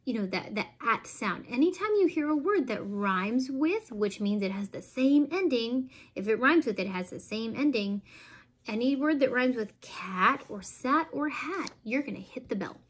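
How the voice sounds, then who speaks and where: A woman's voice: a little high, expressive, slightly rough. Woman demonstrating read-aloud teaching. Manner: reads picture books aloud slowly with exaggerated inflection. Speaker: homeschooling parent demonstrating reading.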